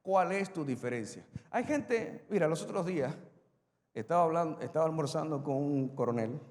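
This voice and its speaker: Pastor, male, high-pitched, big swings in volume, reverberant hall. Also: lively intonation, moderate pace. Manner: preaching with sharp swings between loud and quiet. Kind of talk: sermon.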